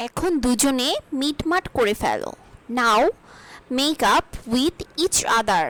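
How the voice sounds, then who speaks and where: A woman teaching spoken English, reading each sentence aloud slowly and carefully, twice over. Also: high-pitched, very animated, a bit bright, rough recording.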